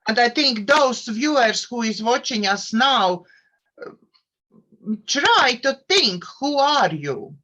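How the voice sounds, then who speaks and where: A woman hosting an interview who speaks haltingly, searching for her words as she poses reflective questions. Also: a little high, sing-song, bright, forceful tone. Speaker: interview host. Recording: dull lo-fi audio.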